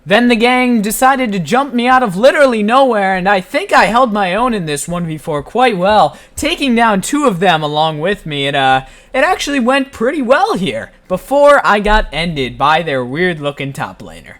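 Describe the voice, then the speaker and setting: A man narrating his own gameplay in a voice-over, playful and self-mocking with deadpan jokes. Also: sits high, moderate pace, hardly any pauses. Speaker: gaming channel host. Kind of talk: joking gameplay commentary voice-over.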